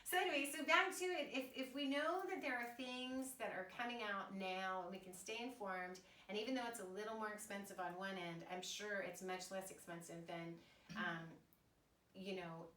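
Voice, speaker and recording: A woman's voice: medium pitch, steady tone, normal speed, pushed and bright. A woman in her fifties hosting a podcast interview, chatty and enthusiastic, rambling from point to point. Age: 50s. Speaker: podcast host. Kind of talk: casual interview chat. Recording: echoey room, distant mic, faint noise.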